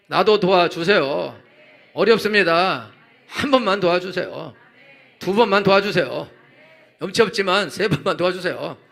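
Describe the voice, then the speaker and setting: High, gravelly-voiced preaching man. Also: fairly bright tone. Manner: emphatic preaching with repeated hallelujahs and voiced prayers. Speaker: pastor. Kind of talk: Easter sermon. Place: church sanctuary.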